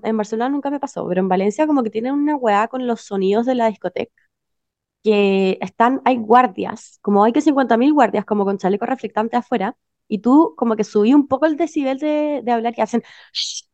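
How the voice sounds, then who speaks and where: A woman's voice: a little high, warm tone, no echo. A young woman with a Chilean Spanish accent telling a story over a video call, casual and full of slang and fillers. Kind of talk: casual chat among friends. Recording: muffled lo-fi sound.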